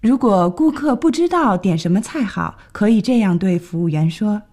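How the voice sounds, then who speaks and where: A woman presenting a scripted radio language lesson, clearly explaining and translating each phrase. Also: medium pitch, animated, normal speed, dark tone. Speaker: radio English teacher.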